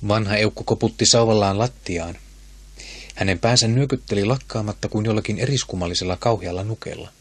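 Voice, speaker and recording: A man narrating an audiobook in a steady, measured manner. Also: lowish voice, husky, no echo. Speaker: audiobook reader. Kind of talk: scripted narration.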